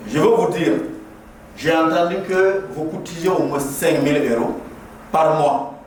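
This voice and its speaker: Unhurried and slightly high-voiced, a middle-aged Burkina Faso native gives an impassioned ceremonial speech as a guest at a mosque inauguration, using rhetorical repetition as he preaches. A large echoing prayer hall and a distant mic leave the recording very reverberant, with slight background noise.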